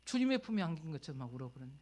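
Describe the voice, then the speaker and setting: Here a male pastor tells a personal story from the pulpit, talking conversationally yet surging to loud, emotional peaks before dropping almost to a whisper. He races along in a higher voice with big swings in pitch.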